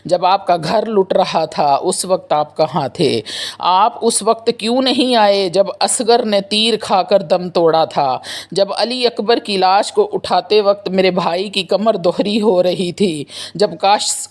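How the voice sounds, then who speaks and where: A woman's voice: medium pitch, a little mellow, close to an everyday voice. A woman voicing a grieving noble woman who pleads with her father in anguish, within a religious story.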